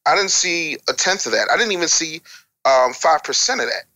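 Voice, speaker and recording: As an interview guest, this former radio DJ and record maker from America speaks candidly and conversationally with a blunt, emphatic, streetwise style. His voice runs a little high, animated and slightly fast, with a sharp tone on a low-quality recording.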